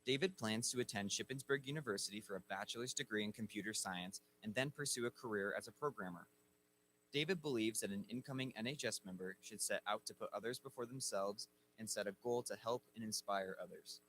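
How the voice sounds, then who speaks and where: A man's voice: fairly low pitch, brisk, fairly bright tone, a little hiss or hum, low-quality recording. A man announcing at a school ceremony, reading inductee bios formally from a lectern microphone. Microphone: speaking at a lectern microphone.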